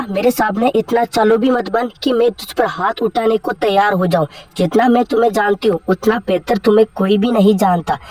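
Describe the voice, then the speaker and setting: A woman's voice: mid-range voice, a little mellow, far from the mic, close to an everyday voice. Woman doing a harsh scolding cartoon mother. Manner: harsh, berating. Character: cruel scolding mother, middle-aged woman.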